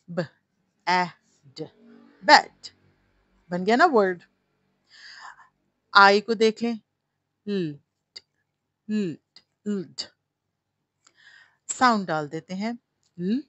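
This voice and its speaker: A woman from Pakistan teaching an English lesson in a chatty, digressive way, slowly sounding out letters between asides. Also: medium pitch, dry recording. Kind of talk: casual Urdu-English language lesson.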